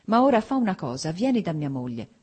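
A woman's voice: lowish voice, big pitch swings, fast, slightly rough. A woman voicing a cheerful, talkative middle-aged nobleman who coaxes and pleads. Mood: pleading. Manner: warm, coaxing, talkative.

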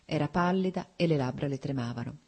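A narrator giving a measured, even reading of a classic novel as an audiobook. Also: medium pitch, breathy edge.

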